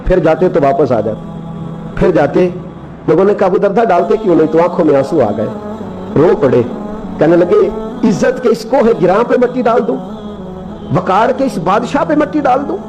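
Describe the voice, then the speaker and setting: A man preaching an emotional sermon, telling stories and rising to a high, impassioned pitch on key lines. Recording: dull lo-fi audio with music underneath.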